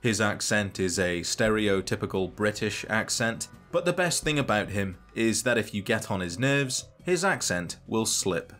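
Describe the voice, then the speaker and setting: A man narrating a scripted game video essay in a measured, dry and wry way. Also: on the low side, big pitch swings, a bit bright, soft background music.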